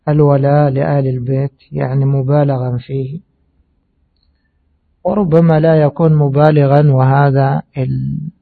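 A man giving a measured religious lesson on hadith, explaining slowly and pausing with fillers. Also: medium pitch, creaky. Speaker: hadith teacher. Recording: tinny phone-like audio.

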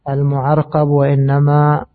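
A man giving a measured religious lesson on hadith, explaining slowly and pausing with fillers. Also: fairly high pitch, completely flat delivery. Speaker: hadith teacher. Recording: tinny phone-like audio.

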